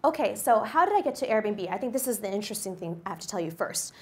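Speaking at a medium pitch and talking fast, this American executive in her forties is a guest lecturer for a university class. She stands on a lecture hall stage with a handheld mic, recounting personal stories with upbeat energy.

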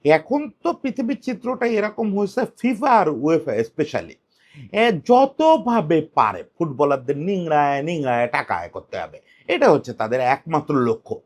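Male football commentator, solo talk, high voice, very expressive, argumentative. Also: normal speed. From Bengal. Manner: animated, rhetorical questions, shifts pitch for emphasis.

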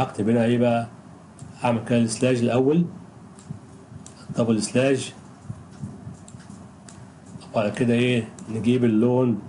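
An Egyptian man gives an English pronunciation lesson in a mellow, relaxed voice. He speaks patiently and says each example word slowly, again and again. A faint hiss sits under the recording. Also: mid-range voice, low-quality recording. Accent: Egyptian Arabic. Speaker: English teacher.

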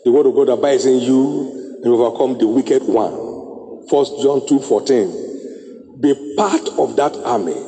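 A middle-aged man preaching a sermon on a handheld mic in a large church auditorium, slow and emphatic with drawn-out phrases and sudden high exclamations. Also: mellow. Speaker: bishop preaching. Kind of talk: sermon exhortation. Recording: echoey hall reverb.

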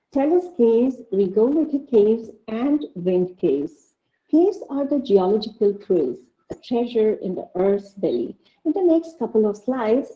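A woman with an Indian English accent giving an online lecture, reading through slides in a measured way with the odd filler and restart, over a computer mic on a video call. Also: a little high, mellow, poor audio.

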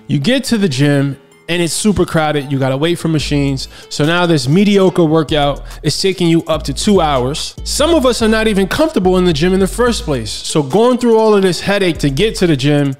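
A man in his thirties, a fitness coach, giving an energetic, slangy sponsored product review in a home gym room. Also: reverberant. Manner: hyped, slangy, energetic pitch. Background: background music.

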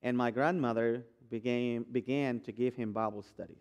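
A man's voice: medium pitch, fairly even intonation, normal speed, darkish tone, clear, resonant tone, highs cut off. Man, 30s, pastor, conversational sermon, fillers and restarts, resonant tone. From Guatemala. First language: Spanish. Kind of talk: sermon testimony. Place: church sanctuary.

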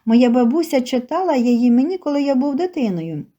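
A kind young male writer from a storybook, soft and warm-spoken, as a woman narrator reads his lines. The voice sits a little high and sounds mellow rather than bright. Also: lively intonation, a little fast, muffled recording. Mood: tender.

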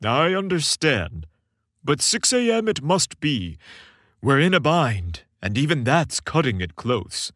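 A man voicing a jovial, fatherly old Santa Claus from a storybook, hearty, measured and commanding. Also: fairly high pitch, sing-song, fairly bright tone, no room sound, studio quality, full character voice. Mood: kindly firm.

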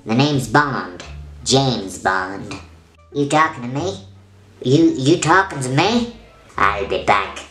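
A man in his twenties with a squeaky helium voice, reciting movie quotes in an exaggerated, theatrical way. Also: animated, slow, fairly bright tone, faint music behind. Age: 20s. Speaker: vlogger doing a challenge. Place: bedroom, indoors. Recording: roomy bedroom sound.

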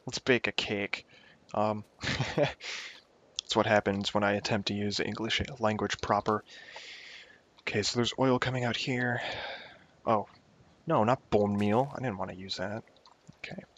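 A young man with a lowish, slightly bright voice rambles through casual gameplay commentary at home, joking at his own expense and talking to himself as he plays. He's a gaming YouTuber, and the home recording sounds dull and lo-fi.

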